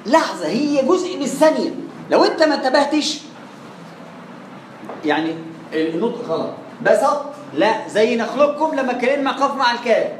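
A man's voice: very high-pitched, big pitch swings, fairly quick, pauses often. Egyptian guy teaching recitation, quizzes the class then answers himself, bit of hiss behind. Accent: Egyptian Arabic. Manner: asks rhetorical questions and answers them, drills pronunciation. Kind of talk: classroom lesson. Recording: echoey room, faint background noise.

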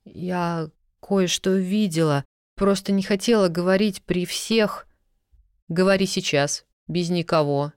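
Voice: medium pitch, measured pace, clear, resonant tone, no echo, studio quality, natural voice. A reader voicing a frightened young serving girl who pleads and sobs as she talks. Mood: pleading. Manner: pleading, sobbing, breathless.

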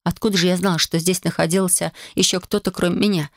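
A woman reading a first-person fantasy audiobook, expressive and flustered in the heroine's lines. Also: fairly low pitch, fast, no echo, studio quality. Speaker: audiobook narrator.

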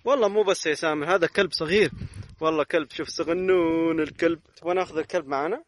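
A man with a Gulf Arabic accent coaxing small children in a playful, animated way at an outdoor playground. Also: a little high, quick pace. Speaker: vlogger. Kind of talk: casual talk to small children.

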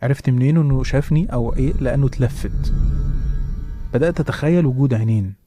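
A man with an Egyptian accent narrating a horror story in a hushed way, restarting his phrases. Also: medium pitch, fast talker, loud music behind the voice. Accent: Egyptian Arabic.

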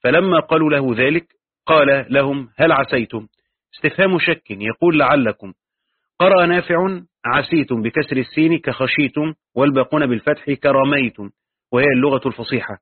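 Male teacher, husky voice, reading and explaining commentary with pauses and self-corrections; tinny phone-like recording. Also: medium pitch, no echo.

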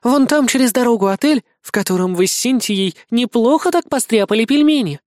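A reader voicing a young female assistant in an audiobook, quick and matter-of-fact with a teasing edge. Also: mid-range voice, lively intonation, darkish tone, no room sound, clean studio sound, voice pushed up, natural voice. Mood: brisk, wry.

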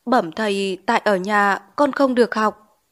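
A woman's voice: mid-range voice, a little slow, fairly bright tone, lightly acted. A woman reading as a timid tearful schoolboy. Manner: meek, polite address. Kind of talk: audiobook character reading.

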